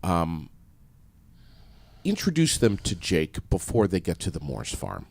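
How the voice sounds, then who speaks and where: A man interviewing a guest conversationally, with animated and somewhat dramatic phrasing. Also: low voice, unhurried, gravelly, breathy edge, no room sound.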